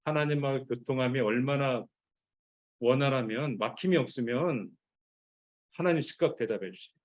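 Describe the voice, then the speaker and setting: Lively man preaching to youth. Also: medium pitch, normal speed, lo-fi sound. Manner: animated, acts out voices of Bible figures. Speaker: youth pastor. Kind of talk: sermon to teenagers.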